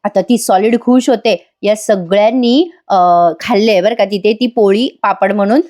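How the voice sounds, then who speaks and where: A woman's voice: medium pitch, fairly even intonation, moderate pace, warm tone. A woman narrating a voice-over recap of a TV serial, chatty and speaking straight to viewers. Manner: chatty, addresses viewers directly.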